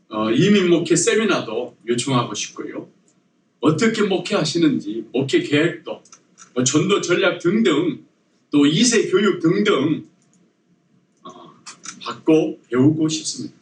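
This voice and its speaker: A man's voice: a little high, slight background noise. A man preaching a sermon as pastor, telling a joke story and prompting the congregation to repeat after him. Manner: lively storytelling with jokes and audience prompts. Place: church sanctuary. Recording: echoey church hall, mic at a distance.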